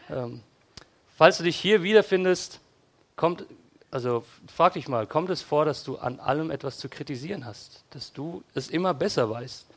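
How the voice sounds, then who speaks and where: A man preaching a casual, conversational sermon in a church, addressing listeners directly and playfully acting out their worried and critical thoughts. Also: mid-range voice. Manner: conversational, ironic asides acting out worried inner voices.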